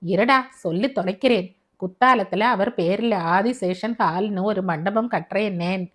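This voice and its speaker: A woman's voice: medium pitch, moderate pace, natural voice. A woman voicing a fussy elderly uncle who grumbles, scolds and pities himself, in a storybook reading. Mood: grumbling. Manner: scolding, exasperated.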